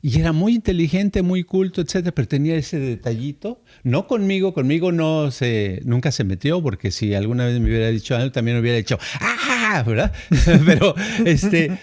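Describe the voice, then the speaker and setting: An older man, co-hosting a podcast and telling lively anecdotes in casual chat. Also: a little high, brisk. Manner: storytelling, animated, acts out quoted voices with laughs. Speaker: podcast co-host.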